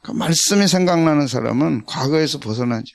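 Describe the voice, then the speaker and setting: A man's voice: fairly high pitch, animated, fairly quick, creaky. An older man, a senior pastor, preaching a conversational, emphatic sermon and calling out to his congregation.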